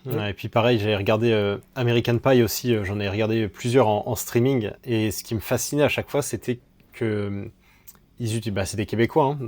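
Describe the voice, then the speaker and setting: A man's voice: medium pitch, darkish tone, no room sound. A man on a podcast panel who jokes, laughs easily and mimics others. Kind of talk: casual debate chat.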